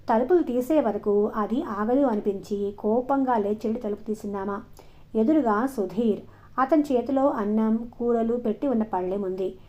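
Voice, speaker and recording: A woman storyteller reading a novel aloud in an expressive, dramatic way, in a dull lo-fi recording. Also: on the high side. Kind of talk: audiobook narration. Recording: dull lo-fi audio.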